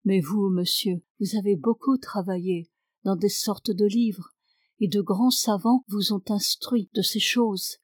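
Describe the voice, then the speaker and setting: Brief: distressed peasant man confiding his story, woman reader, mid pitch. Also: fairly even intonation, unhurried, no echo, clean studio sound, close to an everyday voice. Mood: pleading. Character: peasant man held as a madman, pleading.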